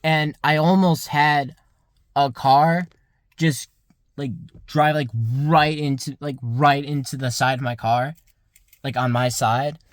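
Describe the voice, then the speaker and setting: A man's voice: mid-range voice, fairly even intonation, slow pace, no room sound, clean studio sound. A young man of about twenty musing aloud in a rambling vlog monologue, full of "like" fillers. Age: around 20. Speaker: vlogger. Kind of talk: casual reflective monologue.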